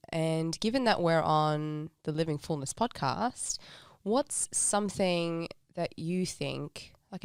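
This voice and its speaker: Low, gravelly woman co-hosting. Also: dry recording, studio quality. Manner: warm, affirming, thoughtful. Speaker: podcast co-host. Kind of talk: interview questions.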